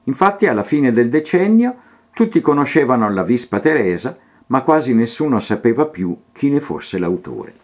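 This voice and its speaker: A man reads a short literary piece and then recites rhyming verse. His pitch sits mid-range but moves in wide, lively swings. He gives the lines a performed, storytelling shape. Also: moderate pace. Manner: expressive recitation, voice rising and falling with the verse. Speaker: narrator. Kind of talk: reading a literary text and poem aloud.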